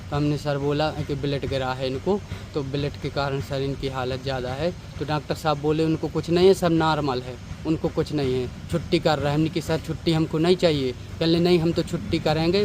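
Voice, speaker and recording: A young man from central India angrily recounting events to a reporter, calling him sir. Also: on the high side. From Damoh district, India. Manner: urgent, aggrieved, repeatedly addressing the reporter as sir. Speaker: bereaved family member. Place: outdoors at a hospital at night. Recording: outdoor street noise.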